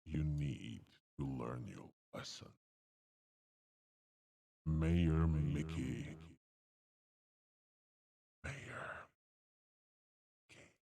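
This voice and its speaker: A man speaking through a deep robotic voice changer with a megaphone filter, playing a menacing villain who threatens a mayor in slow, creepy tones. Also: gravelly, dark tone, dry recording, exaggerated voice. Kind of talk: voice changer test on a game stream.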